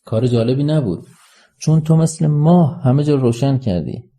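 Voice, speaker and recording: A man voicing a lovesick, impulsive young man who declares his feelings loudly, read in an audiobook story. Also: medium pitch, animated, voice pushed up. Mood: elated. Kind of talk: audiobook character reading.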